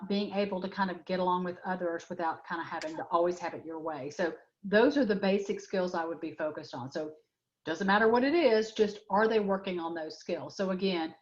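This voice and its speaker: A middle-aged woman presenting a workshop, answering audience questions with frank, direct advice and many fillers. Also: on the low side. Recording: dull lo-fi web audio.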